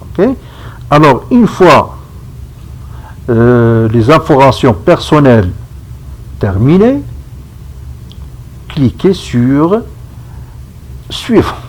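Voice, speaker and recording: Guy walking you thru a computer signup, talks slow and husky, voice goes up and down a lot. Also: medium pitch, sing-song, low-quality recording. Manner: slow, step-by-step, checks in with "d'accord?". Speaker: instructor. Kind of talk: screen-recorded software tutorial.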